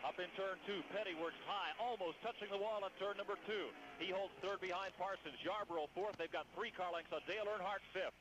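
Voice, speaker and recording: A man's voice: sits high, a little fast, few pauses. An American man working as a motorsport commentator, reporting live from trackside for radio. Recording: dull, noisy radio feed.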